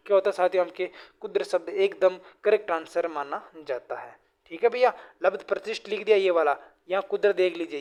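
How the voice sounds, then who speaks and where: A male teacher runs an exam-prep grammar lesson. He fires repeated rhetorical questions at the students and calls them friends again and again. His tone stays that of a classroom drill. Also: high voice. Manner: drills correct and incorrect word forms.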